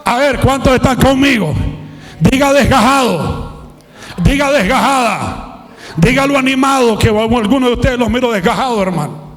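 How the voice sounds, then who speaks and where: A male pastor preaching a fiery sermon to a congregation, often shouting and calling for responses from the crowd. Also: extremely high pitch, normal speed. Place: church hall with congregation. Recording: long reverb of a large hall.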